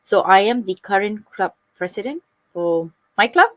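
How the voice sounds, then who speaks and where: A woman's voice: mid-range voice, big pitch swings, normal speed, a bit bright, no room sound. A woman from Malaysia, a club president, answering interview questions over a video call in a friendly, fluent way.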